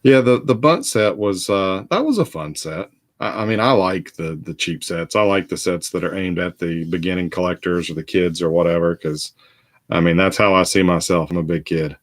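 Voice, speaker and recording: A tired man chats casually as host of a live card break. His voice sits very low. He talks in a rambling, halting way, with plenty of fillers and restarts. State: tired, yawning. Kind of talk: casual live-stream chat.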